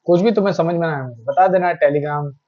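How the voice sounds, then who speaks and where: A man's voice: a little high, a little fast, lo-fi sound. A young man teaching a Hindi grammar lesson in a chatty, reassuring way, slipping in English phrases.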